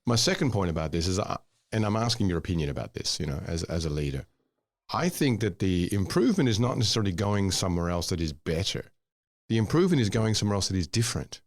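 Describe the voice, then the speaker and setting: Host, male, 50s, very deep and dry, thoughtful. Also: big pitch swings, fast, no echo. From Scotland, raised in Australia. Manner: reflective, affirming, builds on guest's points. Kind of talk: casual interview talk.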